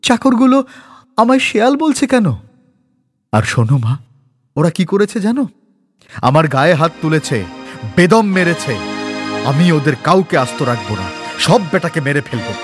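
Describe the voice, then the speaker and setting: A man's voice: fairly high pitch, very animated, moderate pace, long pauses, husky, soft background music, voice pushed up. A man voicing a bewildered young master in a cartoon story, speaking in a whiny voice close to tears. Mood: tearful.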